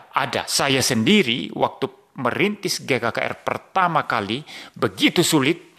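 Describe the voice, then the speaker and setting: Pendeta pria yang berbicara tenang dan terukur. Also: male voice, medium pitch. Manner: calm, measured, often ends phrases with "ya" and "saudara". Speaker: pastor. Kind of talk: spoken correction to a congregation.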